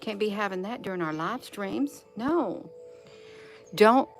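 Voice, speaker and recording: A woman's voice: mid-range voice, lively intonation, moderate pace, faint music behind. A woman hosting a casual live stream outdoors, talking to viewers in a folksy way and repeating phrases for emphasis. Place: outdoors on a porch. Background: wind chimes and birdsong.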